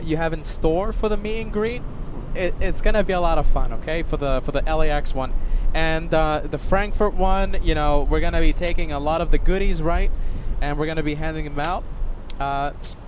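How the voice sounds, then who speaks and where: Man, high-pitched, casual live host, chatty, repetitive, addresses viewers, outdoor traffic noise. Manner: chatty, repeats himself, often addresses viewers by name. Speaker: livestream host. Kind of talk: casual live chat, reading out viewer comments. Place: outdoors by an airport.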